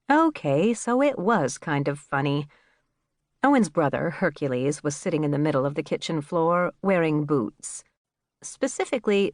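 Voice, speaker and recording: Woman reading a cozy audiobook, lowish voice that swings all over, dry close sound. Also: no room sound. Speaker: audiobook narrator. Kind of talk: first-person audiobook narration.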